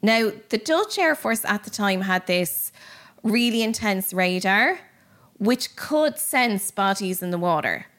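A woman hosting a podcast, telling a story in a chatty, animated way. She leans on fillers and keeps the conversation casual. Her pitch sits in the middle range for a woman. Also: a little slow. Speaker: podcast host.

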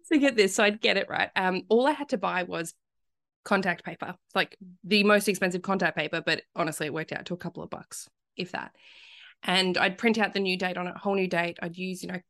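A woman's voice: on the low side, a little fast, vocal fry. Aussie woman spinning a funny story on a podcast, laughs a lot, easygoing. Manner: animated storyteller, laughs often. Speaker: podcast guest. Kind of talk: casual storytelling chat.

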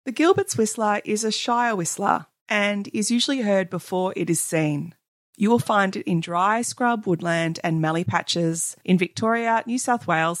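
A woman with an Australian accent and a slightly croaky voice, hosting a podcast in scripted narration. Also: mid-range voice, no room sound, studio quality. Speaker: podcast host.

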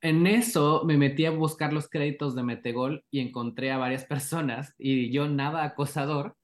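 A man with a Mexican accent, a guest on a podcast, telling lively anecdotes and acting out the dialogue in them. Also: on the high side, normal speed. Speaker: animator guest. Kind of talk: casual podcast interview.

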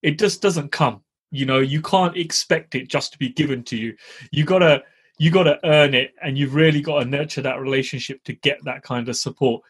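A man's voice: medium pitch, fairly quick, husky. A middle-aged man chatting casually as a podcast co-host, blunt and emphatic, with slangy tags and swearing. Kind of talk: casual chat with slangy advice to listeners.

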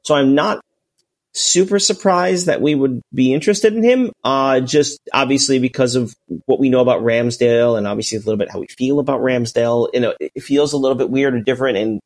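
A man talks casually on a podcast at an ordinary middle pitch. He rambles in long chains of thought, restarting sentences and leaning on filler words. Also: brisk. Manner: rambling, full of restarts and "you know". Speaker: podcast co-host. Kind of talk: casual chat.

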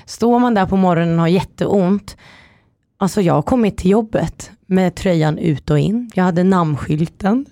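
A woman guest on a chat podcast telling stories in a lively way, acting out quotes. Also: on the low side, no echo, studio quality. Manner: lively storytelling, acts out quotes. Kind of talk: casual chat.

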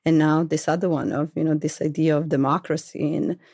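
A guest from Serbia talks frankly and wryly in a relaxed interview, with a gravelly edge. The tone is mellow and dark, recorded dry and close. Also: mid-range voice, brisk, no echo. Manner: frank and wry, with light laughter. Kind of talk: casual interview conversation.

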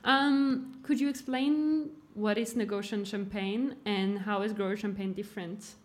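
A woman's voice: mid-range voice, fairly even intonation, unhurried. A woman hosting a live podcast interview, guiding the talk with curious questions. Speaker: podcast host.

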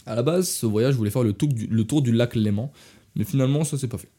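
A young French man talks at a quick clip in a mellow, medium-pitched voice, recounting his travels on a casual podcast. He rambles, corrects himself often, and turns to his listeners directly with "les gars."

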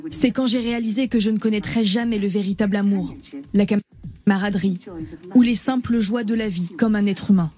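A female robot voice with a synthetic sound, coming from a humanoid machine. It is slow and measured, with a mellow, dark tone. It sounds distant, like a clip played back, with faint music behind it. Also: mid-range voice, fairly even intonation.

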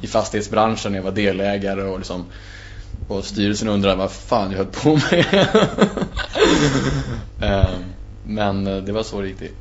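Animated man telling a story, lo-fi. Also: lowish voice, pauses often. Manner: animated, acts out his own past reactions. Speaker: podcast guest. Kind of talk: casual storytelling. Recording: muffled lo-fi with faint hum.

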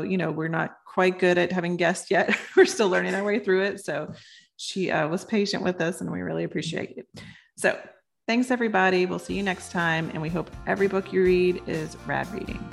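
A woman co-hosting a casual book podcast, chatty and laughing easily, a little hoarse. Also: fairly low pitch, fairly even intonation, fairly quick, faint music behind. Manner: chatty, reads passages aloud, laughs easily. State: losing her voice. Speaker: podcast co-host.

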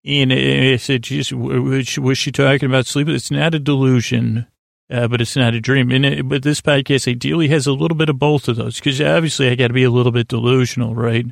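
On a late-night sleep podcast, a male host with a gravelly, creaky, mid-range voice meanders along, interrupting himself, restarting sentences and losing the thread partway through. His delivery is soft, lulling and flat, and he talks fairly quickly. The recording is dry and close, with no sense of a room.

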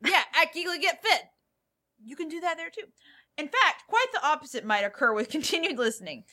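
A woman's voice: high voice, animated, a little fast, pushed and bright. A woman co-hosting a tabletop game podcast, reading listener reviews aloud in a playful, laughing way. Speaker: podcast co-host and player.

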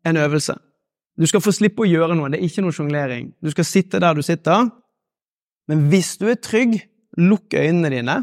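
High-voiced man giving a motivational talk. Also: dry recording, studio quality. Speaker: motivational speaker. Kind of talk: live motivational talk with guided exercise.

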